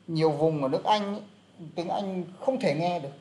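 Thầy giáo nam giọng cao, nói chuyện thân mật. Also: male voice, sits high, a little fast, dark tone. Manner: chatty explaining, many fillers. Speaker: English teacher. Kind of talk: casual online lesson.

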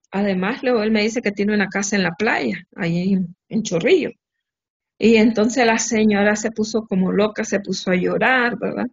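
A woman recounting a story in conversation, lively and full of tag questions. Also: mid-range voice. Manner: animated, with frequent tag questions. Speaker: interviewee. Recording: dull lo-fi recording.

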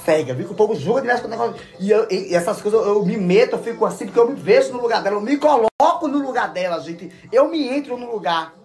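Campy guy ranting into his phone, fairly high voice, over-the-top, bit of music playing behind. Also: expressive, quick pace, hardly any pauses, darkish tone. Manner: campy, dramatic, exclamatory, talks straight to viewers. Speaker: social media influencer. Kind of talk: casual phone story monologue.

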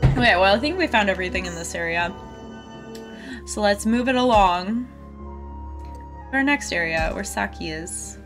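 A woman's voice: mid-range voice, expressive, normal speed, pauses often. Chatty woman streamer over game music. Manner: chatty, reacting aloud and addressing viewers. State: getting over a cold with a cough. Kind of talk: live game stream chat, reading dialogue aloud.

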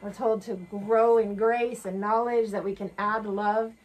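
A woman co-hosting a sermon discussion in a small wood-paneled room, speaking in a measured, thoughtful way. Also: medium pitch, steady tone, rough recording. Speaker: co-host. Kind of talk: conversational sermon dialogue.

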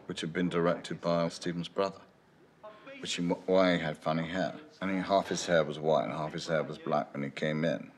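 Deep-voiced older man musing in an interview. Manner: thoughtful, musing, with frequent restarts and "you know". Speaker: screenwriter interviewed about his film. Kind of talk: reflective interview answers. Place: dim indoor room with lamps behind. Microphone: medium shot, seated, unseen mic.

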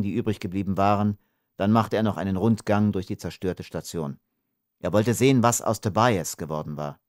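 A man narrating an audiobook in a measured, calm storytelling style. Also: fairly low pitch, no echo, clean studio sound. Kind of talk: scripted narration.

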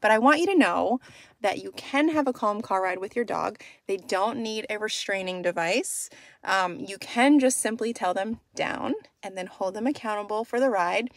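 A woman in her thirties, a dog trainer, talking calmly and upbeat to a phone camera from a car. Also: mid-range voice, moderate pace, dry recording. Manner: calm, upbeat, explanatory. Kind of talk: casual instructional vlog. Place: inside a parked car, then outdoors on a street. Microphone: phone camera held at arm's length. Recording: noisy car and street ambience.

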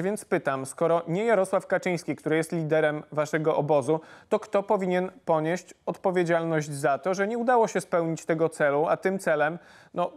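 A man in his thirties hosting a political interview in a studio, pressing his guest with brisk questions. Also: fairly high pitch. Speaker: interviewer, news host. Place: TV studio, indoors.

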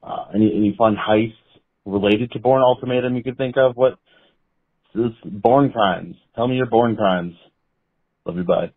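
A man's voice: fairly low pitch, moderate pace, pauses often, slightly rough. A man from Northeast Ohio leaving a rambling, laid-back voicemail message over a phone line, with many hesitations. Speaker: voicemail caller. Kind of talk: casual recorded phone message.

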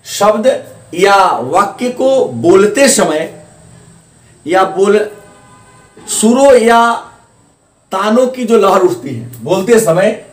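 A man's voice: sits high, expressive, slow pace, pauses often. A male teacher giving a grammar lesson, repeating key terms and asking questions he answers himself. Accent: Hindi, eastern. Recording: echoey room, mic at a distance.

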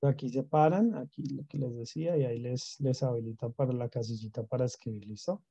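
Mellow-voiced teacher. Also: male voice, mid-range voice, brisk, gravelly, husky, no echo. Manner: mixes Spanish and English, frequent "¿no?" and "¿listo?" checks. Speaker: English teacher. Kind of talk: online class explanation. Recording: dull lo-fi sound.

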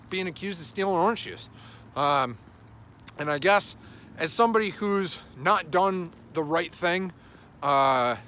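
His voice runs on the high side, bright and forceful, as this gym-owner vlogger in his thirties walks a suburban street at dusk with a runny nose. He rambles, curses and says "uh" often, recording on a phone at arm's length with slight background noise.

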